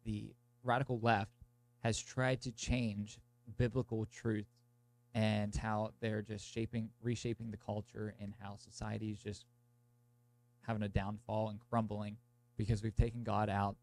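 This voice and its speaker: Low, creaky young man with a stuffed-up nose. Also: little pitch movement, measured pace, a little mellow. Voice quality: congested, blocked-nose sound from a cold. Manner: informal, meandering, peppered with "like". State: sick with a sore throat and stuffed nose. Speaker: podcast host. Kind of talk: casual monologue to listeners, introducing an episode.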